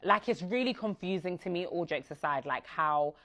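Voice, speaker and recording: A woman with a low voice interviews guests in a casual style. She asks probing questions and murmurs agreement while they answer. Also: animated, normal speed, fairly bright tone.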